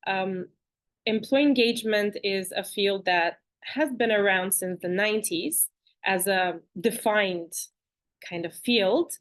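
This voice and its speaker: A woman from Bulgaria, a guest in an interview, talking in an animated, chatty way with fillers and restarts over a video call. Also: mid-range voice, slow. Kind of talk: conversational interview.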